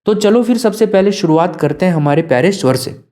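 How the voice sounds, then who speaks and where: Mellow-voiced Hindi teacher. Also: male voice, high voice, animated, fairly quick. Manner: asks students questions and answers them himself. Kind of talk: classroom lesson.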